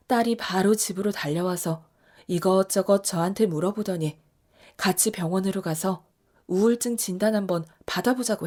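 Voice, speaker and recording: A woman's voice: mid-range voice, warm tone. Woman in her fifties telling her story. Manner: emotional first-person storytelling. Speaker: story narrator. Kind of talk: scripted narration of a radio story.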